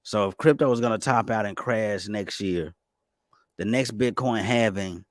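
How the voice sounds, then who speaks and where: A man giving casual, fast-talking commentary on stocks and crypto, excitable and stumbling over restarts. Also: on the low side, no room sound, clean studio sound. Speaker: finance YouTuber.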